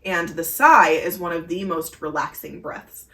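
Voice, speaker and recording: A woman's voice: lowish voice, a little slow, a bit bright, far from the mic. A woman co-hosting a podcast, earnestly explaining breathing exercises in casual chat with many fillers. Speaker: podcast co-host. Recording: echoey room heard from afar.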